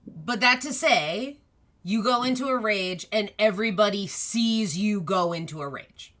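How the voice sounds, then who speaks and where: Bright-voiced woman running a tabletop game. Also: mid-range voice, lively intonation, a little slow. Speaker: game master. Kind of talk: casual tabletop game narration.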